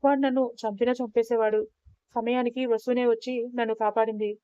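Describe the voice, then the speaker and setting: A woman's voice: fairly high pitch, level tone, normal speed, mellow, clean tone, no room sound, lightly acted. A woman voicing a tearful, grateful young wife who speaks earnestly in a storybook reading. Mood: relieved. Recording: dull, dry lo-fi recording.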